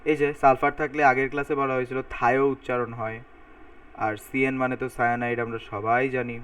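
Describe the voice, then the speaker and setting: A man's voice: mid-range voice, little pitch movement, fast talker, fairly bright tone, smooth. A man giving a recorded chemistry lecture. He thinks aloud as he writes, and he repeats word endings to drill how they are said. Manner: talks while writing on a board, thinking aloud, repeating sounds to drill pronunciation. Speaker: chemistry teacher. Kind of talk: recorded lecture explaining formulas. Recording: voice a bit far from the mic.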